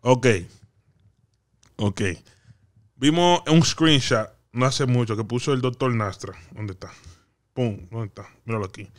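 A man's voice: medium pitch, unhurried, pauses often. Man asking questions on a podcast. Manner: leads the talk with questions, mixes in English phrases. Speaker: podcast co-host. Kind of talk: casual chat.

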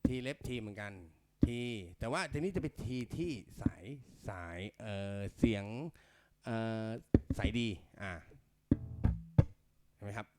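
A man teaching a casual bass lesson, talking loosely and counting beats aloud between the bits he plays. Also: expressive, unhurried. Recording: loud bass playing behind. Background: bass guitar.

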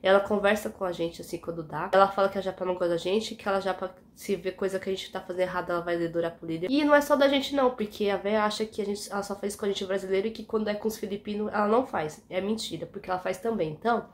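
A woman's voice: medium pitch, fairly even intonation, rapid-fire, few pauses. A young Brazilian woman with a Brazilian Portuguese accent, telling a workplace story in a chatty, indignant vlog, dropping frequent asides to her viewers. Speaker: vlogger.

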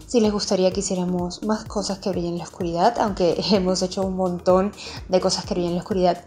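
A woman's voice: mid-range voice, warm tone. A woman hosting a children's channel, narrating a craft tutorial in a friendly way, speaking straight to young viewers. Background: music behind the voice.

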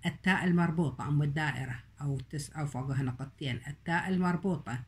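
A woman teaching a recorded online lesson, speaking slowly and repeating example words. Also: sits low.

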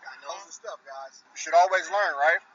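A man's voice: on the high side, fairly quick, a bit bright. A man hosting a street food vlog, chatting casually to viewers and the people around him. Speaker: vlog host. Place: outdoor street food stall. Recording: distant, muffled, noisy street with traffic.

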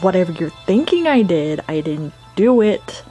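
A woman's voice: fairly low pitch, big pitch swings, moderate pace, mellow, soft background music. A woman voicing an indignant, haughty ghost king with a huffy, imperious manner in an amateur comic dub. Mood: huffy, menacing. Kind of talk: amateur comic dub of a video game villain.

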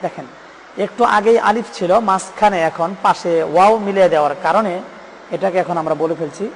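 High-voiced man teaching Quran letters. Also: big-room sound, a little hiss or hum. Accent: Bangladeshi Bengali. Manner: patient, repeats letter names slowly for learners. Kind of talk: step-by-step pronunciation lesson.

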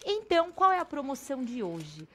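A woman's voice: sits high, very animated, moderate pace, a little hiss or hum. A woman with a Brazilian accent hosting a craft lesson, chatting playfully and then pushing a sales promotion with hyped energy. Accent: Brazilian Portuguese. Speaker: craft teacher and host. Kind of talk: casual craft demo with sales pitch.

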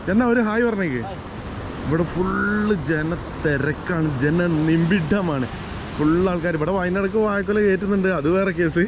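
Excitable man vlogging in mix, noisy outdoors. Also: high voice. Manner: Malayalam mixed with casual English words; excitable, exclaiming, chatty with bystanders. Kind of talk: casual on-location fishing vlog. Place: outdoors at a dam. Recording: noisy outdoor recording with rushing water.

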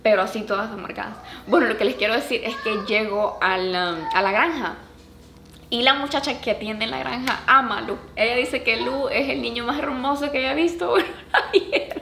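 A woman's voice: fairly quick, gravelly. Chatty mother vlogger, echoey room. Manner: animated, acts out quoted voices in a higher pitch. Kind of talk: casual storytelling to camera. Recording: echoey room with faint background noise.

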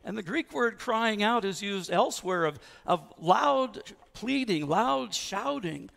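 High gravelly-voiced man preaching. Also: animated, takes it slowly, fairly bright tone. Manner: conversational, asks the congregation questions. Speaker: pastor. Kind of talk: sermon. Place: church sanctuary. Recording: long church reverb.

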